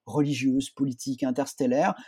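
A man's voice: medium pitch, level tone, brisk, mellow, husky, no room sound, clean studio sound. A man reviewing comics in casual radio chat, often stammering and restarting.

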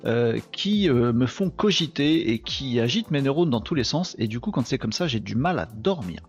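A man hosting a casual live stream, talking in a chatty, animated way and addressing viewers as friends, a little tired. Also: mid-range voice, normal speed, soft background music. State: tired from insomnia.

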